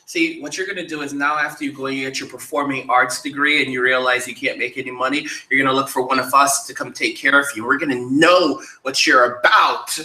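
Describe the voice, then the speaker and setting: A man's voice: mid-range voice, fairly even intonation, a little fast, few pauses, sharp tone, echoey room, rough recording. A man hosting a casual podcast, reading viewer comments aloud with crude jokes and frequent laughter. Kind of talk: casual chat.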